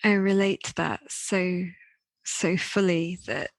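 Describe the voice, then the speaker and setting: Woman host, slow and level, earnest, dry close sound. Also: lowish voice, fairly even intonation, no echo. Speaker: podcast host. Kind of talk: conversational interview.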